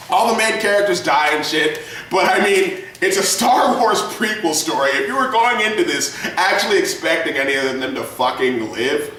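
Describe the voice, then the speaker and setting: A man's voice: a little high, bright, forceful tone. A young man casually reviewing a movie, swearing a lot, rambling and laughing often. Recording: echoey room, distant mic, faint noise.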